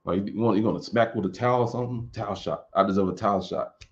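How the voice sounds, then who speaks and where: On a muffled recording, a man in his late thirties talks fast in a fairly low voice. He's a music producer in a casual live chat, answering viewers with loose rambling and frequent restarts.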